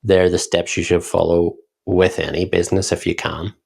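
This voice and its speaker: A man with a Northern Irish accent talks through his experience in a relaxed, explanatory podcast style. His voice sits low and carries a gravelly texture. The delivery stays level, with little rise and fall. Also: normal speed. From Northern Ireland. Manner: reflective, explanatory, steady. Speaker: podcast co-host, founder. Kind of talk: casual podcast conversation.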